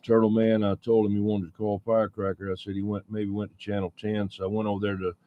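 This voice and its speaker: Fast and monotone, with a fairly low pitch, a CB radio operator relays calls in a casual, folksy radio style. His audio comes through tinny, like a phone, over clear background noise.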